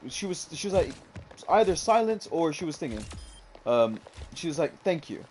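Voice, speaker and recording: A man's voice: fairly high pitch, very animated, normal speed, a little mellow, a little hiss or hum. A young man casually telling a long story about an online game, rambling with lots of fillers and calling the listener "bro". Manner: rambling, fillers like "what's it called", says "bro".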